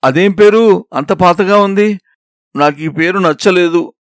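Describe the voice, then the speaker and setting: A man voicing a young woman in love in a storybook reading, speaking high and fretful. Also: normal speed, no echo, studio quality. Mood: sulky.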